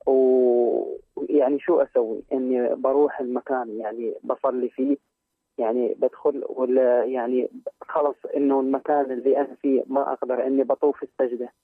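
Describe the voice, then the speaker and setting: A man's voice: medium pitch, flat delivery, brisk, husky, dry recording. A man calling in with a question, speaking hesitantly with many fillers and devout greetings. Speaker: caller. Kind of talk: phone-in question. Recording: tinny telephone line.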